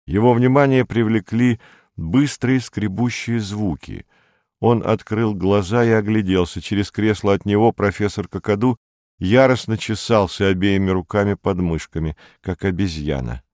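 A man reading an audiobook as narrator in a measured, even storytelling manner. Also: lowish voice, dry recording, studio quality. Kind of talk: scripted narration.

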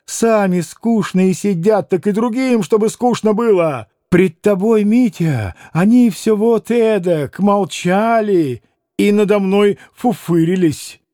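A man's voice: sits high, sing-song, unhurried, hardly any pauses, mellow, no echo, clean studio sound, voice pushed up. A man voicing a fiery, commanding young woman who snaps and shrills. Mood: imperious.

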